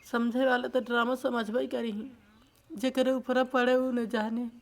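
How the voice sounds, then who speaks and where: A woman's voice: fairly high pitch, little pitch movement, a little slow. A young woman from eastern Uttar Pradesh with a Bhojpuri-influenced accent, speaking tearfully and lamenting in an emotional interview. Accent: Bhojpuri-influenced Hindi.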